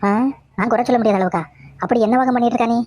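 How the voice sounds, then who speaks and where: A woman's voice: on the high side, steady tone, rapid-fire, darkish tone, no echo, close to an everyday voice. A woman voicing a nagging cartoon mother-in-law. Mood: suspicious. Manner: scolding, repetitive nagging. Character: scolding middle-aged mother-in-law, nagging and fussy. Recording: dull lo-fi dry audio.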